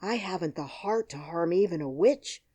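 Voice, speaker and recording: A woman reading an audiobook, voicing a gentle, loyal male tin man who speaks steadily. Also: lowish voice, expressive, normal speed, slightly rough.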